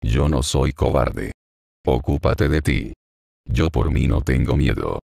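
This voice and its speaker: A man's voice: extremely low pitch, slow, vocal fry, dry recording, clean studio sound, full character voice. A man reading an impatient, scornful young girl. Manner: sharp, scolding. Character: proud, impatient teenage girl.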